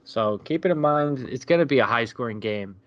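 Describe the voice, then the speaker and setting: A man's voice: mid-range voice, lively intonation, a little fast, dull audio. A man co-hosting a casual sports betting podcast, laid-back and drawing out his fillers. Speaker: podcast co-host.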